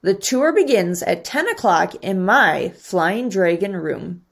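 A woman's voice: mid-range voice, big pitch swings, takes it slowly, gravelly, slightly rough, heavily acted. A woman reading aloud, voicing an adventurous, chatty woman visitor with a folksy manner. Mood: amused.

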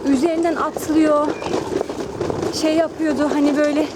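A woman's voice: sits high, level tone, normal speed. A young woman vlogging casually as she walks home outdoors, chatting in a personal way with lots of fillers, filmed on a handheld camera. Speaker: family vlogger. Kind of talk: casual vlog chat to camera. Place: outdoors on a busy city street, walking home. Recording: loud street traffic noise.

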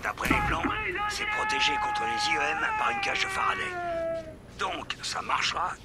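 An excitable young male hacker for a video game. His voice is high and gravelly and leaps around in pitch, with an irreverent, animated delivery. Loud music plays behind him. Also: normal speed, exaggerated voice. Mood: urgent briefing.

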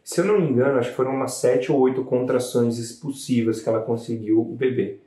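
A man, a new father, telling the story of his child's birth in a casual, animated way to camera. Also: medium pitch, fast talker, reverberant. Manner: chatty, animated retelling with frequent "né" tags.

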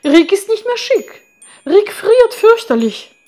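Kind male giant, storybook, exclaiming, high and lively, as a woman puts him on. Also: moderate pace, faint music behind. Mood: excited. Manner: excited, exclaiming.

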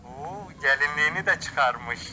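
A cheeky rustic joker. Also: male voice, on the high side, a little slow, sharp tone, slight background noise. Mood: sly. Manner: teasing, mock-polite. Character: cheeky rustic village man, teasing joker. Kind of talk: comic film acting.

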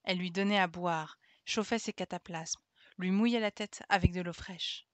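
Calm woman reading a story aloud. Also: on the low side, normal speed, no echo. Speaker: streamer reading an audiobook aloud. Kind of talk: reading a classic children's novel aloud.

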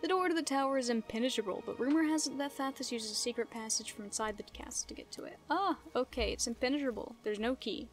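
A woman's voice: on the high side, fast talker, hardly any pauses. A young woman giving casual, chatty, playful commentary as she plays a video game. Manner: playful, chatty, giggly asides. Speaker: gamer, let's play host. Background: game music.

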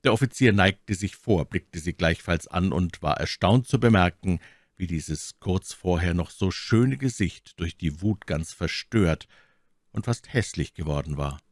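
A man reading a classic novel aloud in measured audiobook narration. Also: low voice, lively intonation, no room sound, studio quality. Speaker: audiobook reader.

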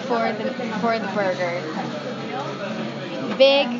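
A woman's voice: a little high, slow pace, lo-fi sound, a loud crowd. A young woman co-hosting a casual food review vlog in a restaurant, playful and thoughtful. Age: young adult. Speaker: co-host. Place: indoor restaurant with wooden wall. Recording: loud background music.

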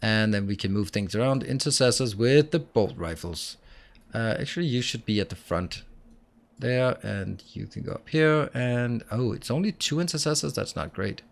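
Casting: male gamer, mid-pitched, offhand walkthrough commentary, thinking out loud. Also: moderate pace, vocal fry. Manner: thinking aloud, muttering. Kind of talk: casual let's play commentary.

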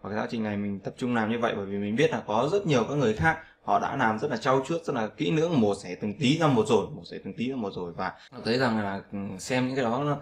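A man's voice: mid-range voice, fast, few pauses, a little hiss or hum. A man teaching English pronunciation in Vietnamese, repeating sounds and often checking with "right?". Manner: repetitive, drills sounds, asks "right?" often. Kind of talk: casual spoken lesson.

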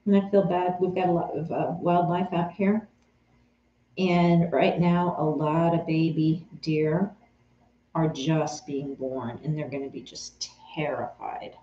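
Sewing at home, this forties-aged woman from Texas answers her live chat as a craft vlogger, greeting viewers by name in a casual way. She speaks in a deep, mellow voice with fairly even intonation and a measured pace, and there's a little hiss or hum. The indoor sewing room is captured by a tripod camera a few feet off, so the audio sounds roomy and a bit dull.

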